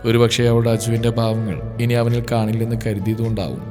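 A man reading a romance story aloud in a slow, emotive narration. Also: fairly low pitch, level tone, darkish tone. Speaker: story presenter. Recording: reverb with background music.

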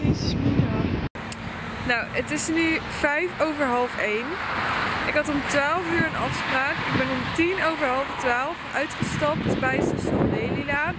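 Young woman vlogging in a high voice. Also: very noisy. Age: 20s. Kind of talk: casual vlog chat. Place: outdoors on city streets.

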